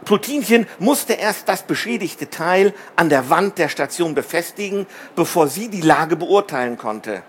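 A man reading a children's story aloud in an expressive, measured way. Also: high voice, a little hiss or hum. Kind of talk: scripted narration of a children's story.

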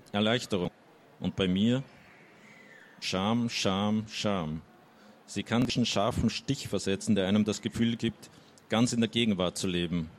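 Man, low voice, reading a novel aloud, first-person story, hesitant asides. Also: darkish tone. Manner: hesitant when summarizing, with fillers. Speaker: audiobook reader. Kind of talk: reading a novel aloud with short spoken summaries.

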